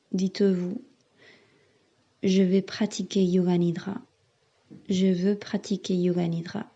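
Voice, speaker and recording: Her voice mid-range and dark in tone, a yoga teacher guides a meditation through soothing, carefully paced instructions and long pauses. The recording sounds slightly muffled.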